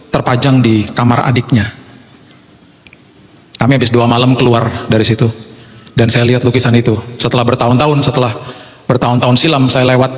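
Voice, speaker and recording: A male pastor preaching a sermon, telling a humorous story and acting out the voices in it. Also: medium pitch. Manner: humorous storytelling with acted dialogue. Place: church hall. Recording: echoey church hall.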